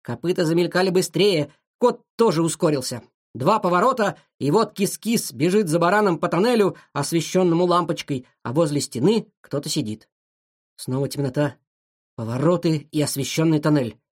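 Lively, animated storybook narrator. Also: mid-range voice, normal speed. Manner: expressive, animated reading. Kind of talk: children's audiobook narration.

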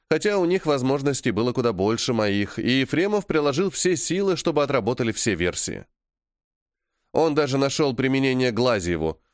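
A man reading a first-person fantasy audiobook in a measured, matter-of-fact way. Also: medium pitch, no room sound, clean studio sound. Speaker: audiobook narrator.

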